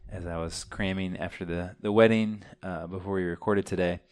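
A man co-hosting a podcast in casual chat, relaxed and a bit halting with frequent pauses. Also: deep voice. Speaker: podcast co-host.

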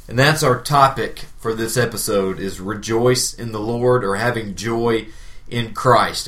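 A man co-hosting a podcast, talking through a Bible passage in a relaxed, wry way with plenty of fillers. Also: mid-range voice. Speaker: podcast co-host. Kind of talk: casual Bible study chat.

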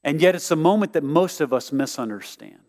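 Animated preacher in an echoing hall. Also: male voice, fairly high pitch, brisk. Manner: animated storytelling, acts out quotes. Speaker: pastor. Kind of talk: sermon.

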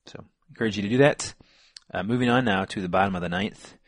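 A man co-hosting a sports podcast in casual chat, relaxed and full of fillers. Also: on the low side, fast talker, no room sound. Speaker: podcast co-host.

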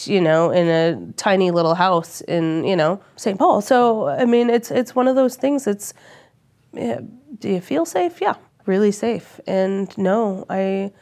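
A woman's voice: mid-range voice, a little mellow. A young woman from Minnesota with a stuffed-up voice from a cold, chatting casually in an interview about her van travels. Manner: chatty, rambling with restarts. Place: lodge room at a campground.

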